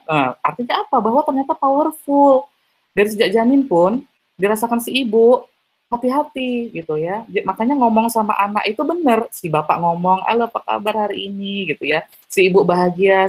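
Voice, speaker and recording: A man giving an online seminar talk over a video call, chatty and full of tag fillers. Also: sits high. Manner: chatty, heavy use of tag fillers, acts out little dialogues. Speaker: seminar speaker.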